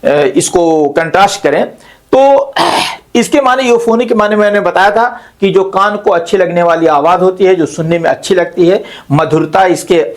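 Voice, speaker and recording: A male literature teacher gives a slow classroom lecture, explaining each term and repeating it in Hindi, with frequent pauses and self-corrections. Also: high-pitched.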